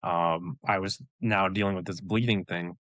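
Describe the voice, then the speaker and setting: A man with a lowish voice recounts his experiences in a relaxed, rambling way, dotting his talk with fillers and quick laughs. The sound is close and dry, with no room around it. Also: dry recording. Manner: relaxed storytelling, many "like" fillers, laughs often. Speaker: guest, elite runner. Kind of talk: casual interview chat.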